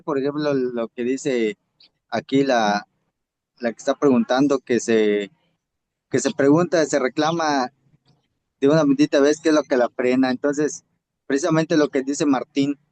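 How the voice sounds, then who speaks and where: A man's voice: mid-range voice, steady tone, a little slow, darkish tone, low-quality recording. A man with a Yucatecan Mexican accent giving a motivational talk to a group. He often repeats and restarts words, then rises into emphatic bursts.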